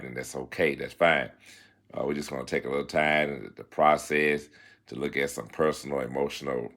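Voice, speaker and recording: A man with an extremely low voice hosts a self-help talk segment, giving advice. He shifts between formal passages read aloud and relaxed, folksy asides, often checking in with "all right?".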